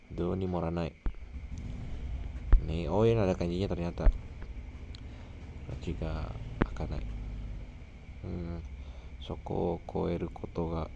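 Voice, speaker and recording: A young man who grew up speaking Indonesian reads a novel aloud in Japanese with an Indonesian accent. He thinks aloud in a halting way, often trailing off and repeating words. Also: low-pitched, steady tone, vocal fry, background noise. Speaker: language learner. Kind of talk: reading a novel aloud and musing.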